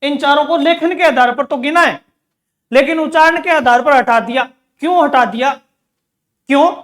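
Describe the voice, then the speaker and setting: A man's voice: very high voice, moderate pace, fairly bright tone. A man teaching an exam-prep grammar lesson, asking questions and answering them himself, repeating key words. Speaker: Hindi teacher.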